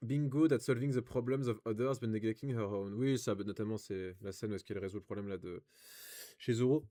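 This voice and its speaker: A man's voice: fairly low pitch, fairly quick, warm tone. A young man with a French accent, reading and commenting on reviews in casual, rambling chat full of fillers and restarts.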